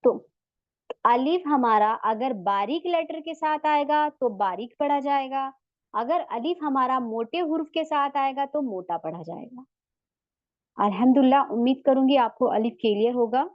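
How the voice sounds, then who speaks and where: A woman's voice: high voice, moderate pace, dry recording, lo-fi sound. A woman teaching a recorded online lesson, patiently repeating each sound several times and checking in with her learners as she explains. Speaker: Tajweed teacher.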